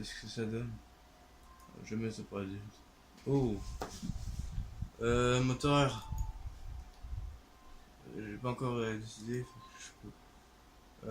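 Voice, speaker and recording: A man with a Québécois French accent talks through a game session at an unhurried, drawn-out pace. He hesitates often and fills his pauses with "euh" as he thinks aloud. A faint hiss of background noise sits under his voice. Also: mid-range voice. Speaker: gaming channel host. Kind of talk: let's play commentary.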